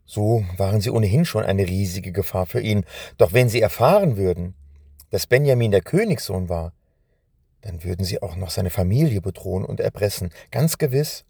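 A low, gravelly man reads a storybook tale in a calm, measured way. His tone is dark and a little husky. The sound is close and completely dry. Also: no room sound. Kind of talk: scripted storybook narration.

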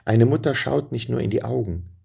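A man voicing a brave, hopeful young boy riding a dragon in a storybook, with a gravelly voice and eager calls. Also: mid-range voice, a little fast, warm tone, pitched above the performer's own voice, full character voice. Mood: reassuring.

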